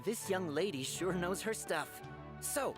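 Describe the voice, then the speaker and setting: A man's voice: sits high, expressive, measured pace. An actor playing a young male fortune teller who stalls with hums and hesitates. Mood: hesitant. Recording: game audio with clear music behind.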